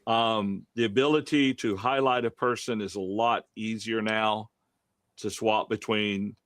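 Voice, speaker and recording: A man's voice: fairly low pitch, steady tone, a little slow, a bit bright, no echo, studio quality. A man hosting a casual online Bible study discussion over a video call, rambling with many fillers. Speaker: host running the online study.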